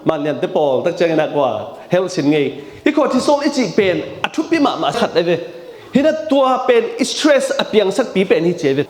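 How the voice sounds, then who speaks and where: Male preacher, high and very animated, repetitive emphatic delivery, mixes in English words, roomy echo. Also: moderate pace. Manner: mixes English terms into his speech. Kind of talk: sermon. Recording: echoey room.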